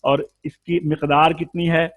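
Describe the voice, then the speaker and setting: A man's voice: a little high, level tone, measured pace, no echo. A man teaching Quran recitation in an explanatory lesson, patiently drawing out vowel sounds to demonstrate them.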